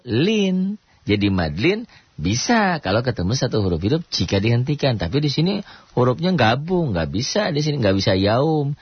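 A man teaching Quran recitation on a radio programme, talking unhurriedly and breaking into slow chanted verses. He asks himself questions and answers them in a casual, colloquial way. The broadcast sound is dull and dry, with no room echo. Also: mid-range voice, slightly rough. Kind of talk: radio tajwid lesson. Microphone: studio radio mic.

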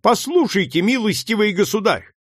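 A man's voice: a little high, normal speed, no echo. An impulsive, indignant young boy , voiced by a man reading a novel aloud bursts out in a raised, swooping voice. The delivery is passionate and pleading. The sound is dry and close. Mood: haughty. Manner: excited, pleading outbursts. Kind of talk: audiobook character reading.

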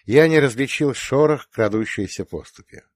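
A man reading a first-person story in an expressive, scripted narration style. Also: mid-range voice, normal speed, no room sound, clean studio sound. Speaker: audiobook narrator.

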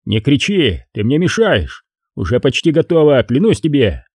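A shaken submarine pilot speaks with forced, soothing calm, as a male reader voices him. The voice is low-toned, mellow and husky, with a lively pitch, recorded dry and close. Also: moderate pace, no echo.

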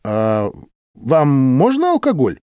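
A man's voice: medium pitch, huge pitch swings, takes it slowly, dark tone, smooth, no room sound, muffled recording. A male narrator voicing a touchy, argumentative old doctor who speaks indignantly and insistently.

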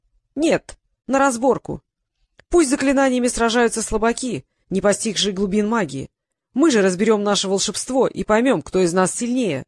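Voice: mid-range voice, animated, moderate pace, no room sound, studio quality, close to an everyday voice. The audiobook narrator voicing a young male wizard who bluffs with forced firmness. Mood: defiant.

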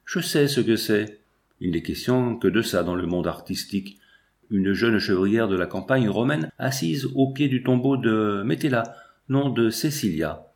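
A man's voice: lowish voice, expressive, unhurried, a little mellow. A man reading the lines of an opinionated, pompous bourgeois father in an audiobook, speaking emphatically. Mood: emphatic.

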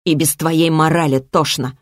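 A woman voicing a weak ancient boy in a child's body who sounds hoarse, grave and oddly grown-up. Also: deep voice, steady tone, normal speed, no room sound, clean studio sound.

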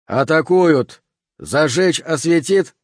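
A man's voice: a little high, lively intonation, slow, dry recording, clean studio sound, voice pushed up. Man voicing a clipped radio squad commander. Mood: urgent. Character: male special-forces commander on a radio. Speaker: radio team leader.

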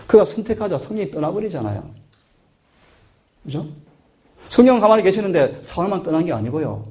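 A man delivers a sermon in an earnest, questioning manner. His voice sits a little high but sounds mellow and warm. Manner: earnest, questioning the listeners often. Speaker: pastor.

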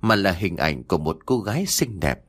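Animated male storyteller. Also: deep voice, normal speed, creaky. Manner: animated, formal sign-off. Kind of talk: scripted story narration.

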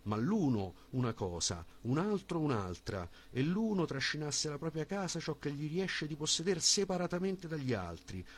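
Husky male audiobook reader. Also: a little high, big pitch swings. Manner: measured, formal reading voice. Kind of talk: audiobook reading of a philosophical dialogue.

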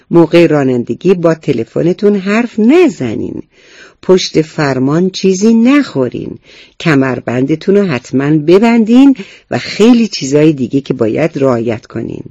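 A man's voice: a little high, big pitch swings, warm tone, no echo, dull audio. A man doing an eager little schoolboy. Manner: eager, lecturing about safety rules. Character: earnest rule-minded schoolboy, first grader.

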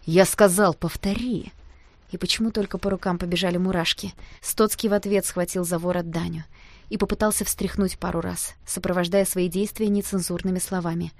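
A woman reading a first-person audiobook aloud, with a lively, expressive delivery on a close mic. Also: on the low side, brisk, dry recording. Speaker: audiobook narrator.

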